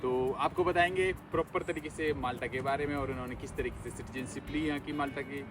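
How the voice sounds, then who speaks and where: A man hosting a casual interview podcast, firing off his words very quickly and moving between Hindi and English. He sounds a little far from the microphone, with music playing behind him. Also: fairly high pitch, steady tone. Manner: rapid Hindi-English mix, halting English questions. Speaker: podcast host. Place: outdoor park.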